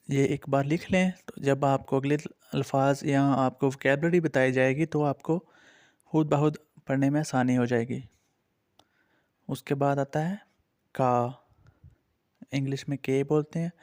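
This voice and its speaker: A man's voice: mid-range voice, steady tone, unhurried, darkish tone. A man with an Urdu-influenced accent teaching a beginners' language lesson, patiently naming and repeating each letter for his learners.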